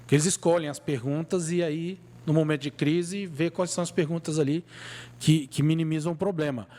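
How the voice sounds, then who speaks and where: Speaking briskly with fairly even intonation, this podcast co-host has a slightly high voice with a dark tone. He talks football casually and colloquially, with emphasis, in a Brazilian Portuguese accent.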